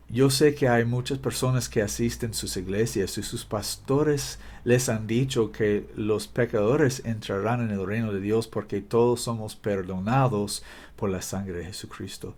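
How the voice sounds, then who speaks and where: A male preacher in Spanish, giving an emphatic, halting scripture sermon and correcting himself as he goes. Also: on the low side, a little mellow. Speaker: preacher, minister.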